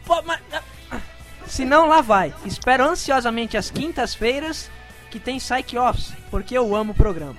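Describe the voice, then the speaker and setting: A man's voice: very high-pitched, expressive, normal speed, a bit bright, soft background music. A man in his twenties co-hosting a podcast with casual banter, playfully exclaiming as he reads listener comments. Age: 20s.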